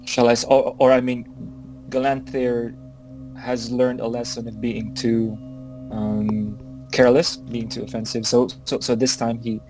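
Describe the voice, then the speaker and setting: A man's voice: mid-range voice, poor audio. A man playing in a tabletop game, describing his character's actions hesitantly with many ums and restarts. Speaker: player. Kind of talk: tabletop role-play chat.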